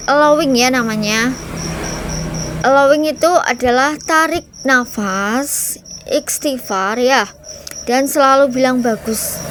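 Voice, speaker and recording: High-voiced chatty woman channel host. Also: background noise. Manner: chatty, refers to herself by name. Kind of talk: casual commentary.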